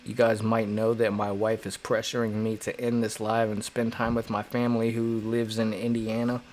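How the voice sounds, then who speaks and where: A man's voice: on the low side, monotone, moderate pace, darkish tone, slight background noise. A man hosting a casual livestream chat, rambling and joking at his own expense. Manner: rambling, joking, self-deprecating. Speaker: livestream host.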